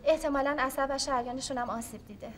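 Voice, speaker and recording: An actress playing a firm, compassionate hospital nurse who speaks with stern authority. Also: female voice, high voice, a little hiss or hum, natural voice. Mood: professional.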